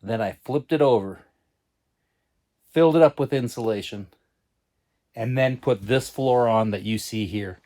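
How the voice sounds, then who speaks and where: A man's voice: medium pitch, unhurried, pauses often. A man casually talking to the camera as he explains his own off-grid cabin build. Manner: relaxed, chatty, explaining as he goes. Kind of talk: casual vlog talk to camera.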